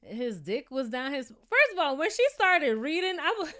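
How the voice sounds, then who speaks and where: A woman's voice: high-pitched, very animated, moderate pace, pushed and bright. A woman in her thirties with a New York accent, chatting candidly as she reviews a TV show and laughing easily. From New York City. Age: 30s. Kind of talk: casual review chat.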